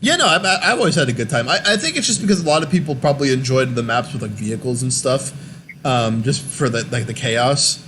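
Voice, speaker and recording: A young man talks casually about video games at an average pitch, rambling along with lots of fillers and false starts. A steady noise sits clearly behind his voice on a home recording. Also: brisk. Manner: rambling, many fillers and restarts. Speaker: podcast host. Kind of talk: casual gaming chat.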